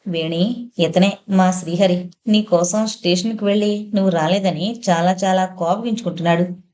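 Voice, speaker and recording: A woman voicing a motherly housewife who gently chides and fusses over her family. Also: on the low side, fairly even intonation, moderate pace, lightly acted. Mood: amused. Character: warm fussing elder sister and housewife.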